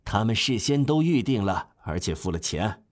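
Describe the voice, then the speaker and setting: A man's voice: fairly low pitch, sing-song, moderate pace. A man voicing a male innkeeper who turns a guest away with clipped, firm refusals, in an audiobook reading. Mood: curt. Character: male innkeeper, curt and unyielding.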